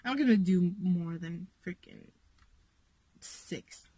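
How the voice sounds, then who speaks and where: Teenage girl from Latvia, chatty vlog intro, unhurried, slightly husky, phone in a car. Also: fairly low pitch, mellow, dry recording, low-quality recording. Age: teens. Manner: chatty, gestures a lot while talking. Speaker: vlogger. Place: parked car. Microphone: phone camera at arm's length.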